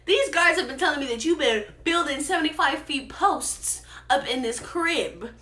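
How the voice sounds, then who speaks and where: A woman's voice: high-pitched, expressive, moderate pace, sharp tone, roomy sound. A woman voicing an ancient king, a doting husband who turns to outrage, in a playful, exaggerated retelling. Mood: sentencing.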